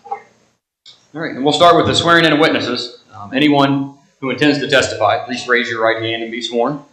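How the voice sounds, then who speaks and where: A man's voice: mid-range voice, normal speed, pushed and bright. An American man chairing a public meeting, reciting formal procedure and oaths in a rote, formulaic way. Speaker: board chairman presiding over a public meeting. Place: indoor township meeting room. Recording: echoey public meeting room.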